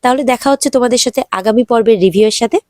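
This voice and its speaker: A woman's voice: a little high, very fast, darkish tone, dry recording, clean studio sound. A woman narrating an episode recap, retelling the characters' lines with light emotion.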